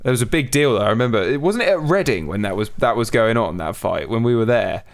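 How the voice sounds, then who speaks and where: A man's voice: mid-range voice, expressive, quick pace. A young man co-hosting a casual podcast, laughing a lot and swearing casually. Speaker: podcast co-host.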